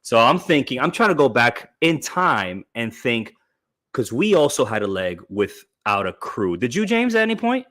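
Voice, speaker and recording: A male podcast co-host chatting casually, his voice bright and his pitch swinging widely. He talks in bursts, restarting words as he goes. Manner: animated, quick restarts and stumbles. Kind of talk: casual chat.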